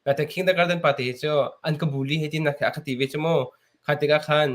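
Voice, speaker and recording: A man's voice: a little high, steady tone, brisk. A man interviewing a guest, hesitant and full of fillers. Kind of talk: interview questions.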